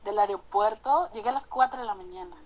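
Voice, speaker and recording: A woman chatting casually and relaxed, telling about a trip. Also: medium pitch, a little fast, narrow, tinny audio, slight background noise. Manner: relaxed, chatty, many short backchannels. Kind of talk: casual chat.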